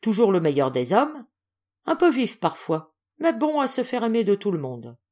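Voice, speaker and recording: A woman reading aloud as a calm, kindly gentleman with a gentle, reassuring manner. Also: high voice, normal speed, pitched above the performer's own voice, exaggerated voice.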